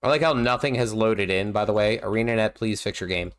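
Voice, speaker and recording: A man with a fairly low, smooth voice talks a little fast, sounding nasal because he's feeling unwell. Hosting a gaming livestream, he rambles through casual commentary as he plays, full of fillers and restarts.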